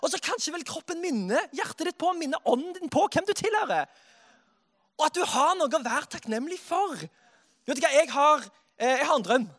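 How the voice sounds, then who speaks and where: A man preaching a sermon in a lively way, dropping soft and then rising to loud exclamations. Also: very high voice.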